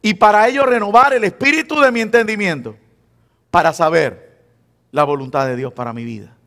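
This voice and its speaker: A man's voice: high voice, moderate pace, a bit bright. A man with a Puerto Rican Spanish accent, preaching a sermon as pastor in a conversational, teasing way. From Puerto Rico. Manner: conversational preaching, teasing the congregation, acting out quoted believers.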